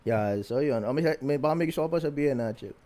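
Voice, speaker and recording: A man's voice: medium pitch, expressive, rapid-fire, mellow. A Filipino-accented man co-hosting a casual livestream podcast, switching between languages, laughing a lot and swearing casually. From Philippines. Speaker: podcast co-host.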